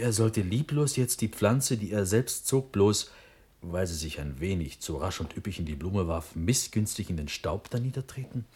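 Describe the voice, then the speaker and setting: In a classical verse radio play, a male actor with a lowish, breathy-edged voice plays an impulsive, trusting young Prussian prince. His declamatory, impassioned delivery shifts from urgent to hushed.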